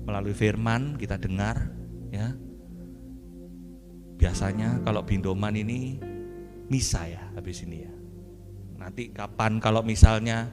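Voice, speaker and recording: A young man giving a lay sermon, acting out prayers in put-on voices and swinging from shouting to hushed whispers. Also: lowish voice, measured pace, long pauses, in a large hall, over music. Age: young adult. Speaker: lay preacher. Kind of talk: lively sermon.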